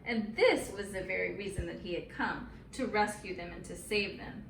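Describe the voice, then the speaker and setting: With a mid-range voice and vocal fry, a woman speaks at a normal pace while sharing a Bible story with kids, using simple, encouraging words and dramatic emphasis in lively storytelling and chat. The mic is distant, the room echoey, and there's faint noise.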